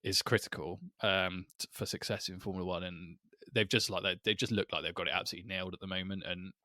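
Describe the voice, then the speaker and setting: A man's voice: low voice, steady tone, fast talker, pushed and bright, no echo, studio quality. A man co-hosting a sports podcast, chatting casually and laughing often. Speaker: podcast co-host. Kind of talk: casual chat.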